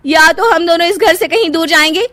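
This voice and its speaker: A woman acts out a spoiled cartoon sister-in-law who bullies and demands. The voice is pushed shrill and very high, whiny and snappish, with big swings in pitch. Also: expressive, moderate pace, fairly bright tone, no room sound. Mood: demanding. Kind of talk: Hindi moral cartoon voice acting.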